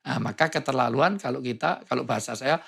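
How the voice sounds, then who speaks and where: Gravelly-voiced joking male preacher. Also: medium pitch, fast talker, a bit bright. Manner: joking, playful, imitates sounds. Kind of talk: humorous preaching in conversation.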